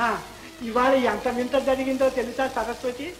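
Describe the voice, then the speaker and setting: An actor playing a gentle grieving father who softly coaxes a lost girl and consoles his wife, in vintage film dialogue. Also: very high-pitched, flat delivery, moderate pace, soft background music, rough recording. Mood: consoling. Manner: soft, coaxing and consoling.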